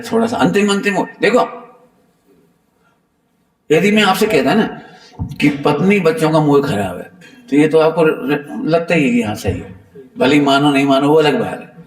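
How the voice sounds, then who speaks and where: A man preaching a sermon in a temple hall, his voice on the higher side and full of playful, animated turns. The sound carries a long hall reverb, picked up from some distance. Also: moderate pace, pauses often. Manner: animated, playful, teasing the audience. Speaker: Jain preacher. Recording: echoey hall, mic far off.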